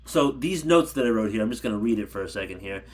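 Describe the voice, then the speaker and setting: This man's voice sits fairly low, and he talks fast and expressively. Ranting casually at home to his camera, he's blunt and rambling, keeps repeating himself, and sounds slightly congested from allergies; the audio comes from the camera mic.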